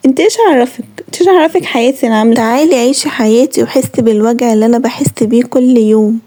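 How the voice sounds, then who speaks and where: A woman's voice: fairly high pitch, very fast, mellow. A young woman with an Egyptian accent, talking earnestly to her viewers and scolding them directly. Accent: Egyptian Arabic. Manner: earnest, reproachful, lecturing listeners directly. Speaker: vlogger. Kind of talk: heartfelt talk to camera.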